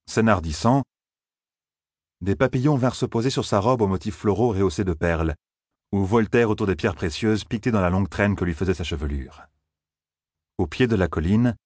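A man narrating a fantasy audiobook in a steady, descriptive reading. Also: sits low, dry recording, studio quality.

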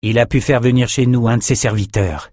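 A man reading a fantasy novel aloud in measured, dramatic scripted narration. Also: medium pitch, darkish tone, no room sound, studio quality. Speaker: audiobook narrator.

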